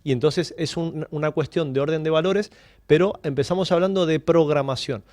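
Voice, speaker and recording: A man from Spain appears as a guest coach on time management during a radio talk-show discussion. His voice is on the high side with a darkish tone and a moderate pace, recorded dry in clean studio sound. He explains through stories and builds his points with questions.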